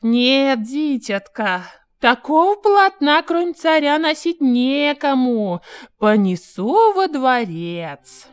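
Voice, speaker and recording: A woman putting on a high, fussy old granny. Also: big pitch swings, smooth, exaggerated voice. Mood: marveling. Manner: slow, singsong.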